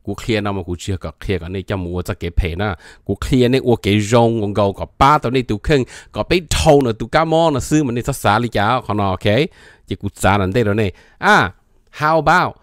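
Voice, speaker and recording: A man presenting an informal educational talk, reading short phrases aloud and then explaining each one in a relaxed, chatty way. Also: lowish voice, fast talker, no room sound, clean studio sound.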